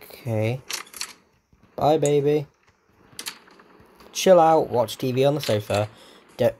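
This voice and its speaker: A man doing let's-play commentary, excitable and swearing at the game while muttering to himself. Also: mid-range voice, takes it slowly, slight background noise. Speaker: gamer.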